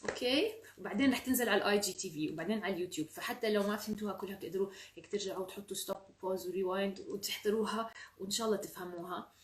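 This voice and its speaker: A woman's voice: medium pitch, racing, slight background noise. A woman with a Levantine Arabic accent hosting a children's storytime, chatty and encouraging. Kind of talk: reading aloud to children. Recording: roomy sound from a distant mic.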